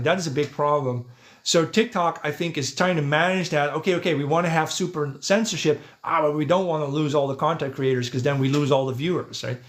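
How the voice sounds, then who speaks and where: Answering chat comments in a casual livestream monologue, a man from the Netherlands speaks with a fairly high pitch; Dutch is his first language. He hosts podcasts and livestreams, and his style is conversational, thinking aloud with frequent "right?" and "yeah".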